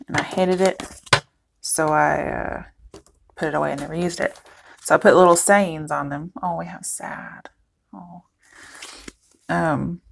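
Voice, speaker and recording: A woman's voice: sits low, background noise. A woman giving a casual, chatty tarot reading to her viewers, thinking aloud as she goes, her voice cracking at times. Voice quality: voice cracking, throat clearing. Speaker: tarot reader.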